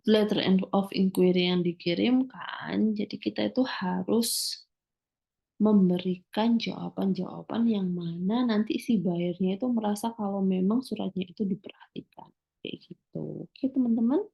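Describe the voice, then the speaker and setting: A woman teacher giving a recorded lecture, explaining slowly with many filler sounds and reading English phrases aloud before translating them. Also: mid-range voice, creaky, slightly rough, highs cut off.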